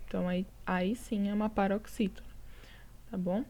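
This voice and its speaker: A woman with a Brazilian Portuguese accent teaching a recorded lesson, walking through each answer step by step. Her voice is dark and gravelly, with a mellow, unhurried tone. She checks in with her students often as she explains. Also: mid-range voice, steady tone. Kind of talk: recorded lesson going over exercises.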